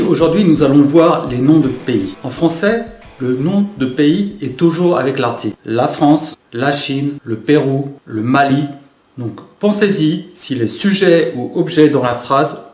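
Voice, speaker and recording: A man teaching a French grammar lesson to his channel viewers, with a lively, clear teacherly delivery and rising emphasis. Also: medium pitch. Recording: echoey room.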